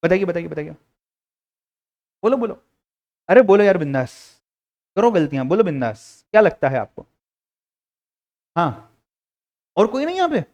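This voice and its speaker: A man's voice: high-pitched, sing-song, normal speed, pauses often, a little mellow, muffled recording. A young Indian man teaching a live class, mixing English into his talk and playfully coaxing students to call out answers. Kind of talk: interactive classroom lecture.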